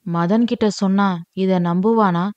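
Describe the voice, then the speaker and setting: A woman's voice: mid-range voice, fairly even intonation, unhurried, no room sound, natural voice. This is an elderly grandmother voiced by a woman narrator, wounded by a trusted daughter-in-law yet steadying herself. Her inner monologue is anguished and plain. The recording is dry and slightly muffled. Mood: hurt, bitter.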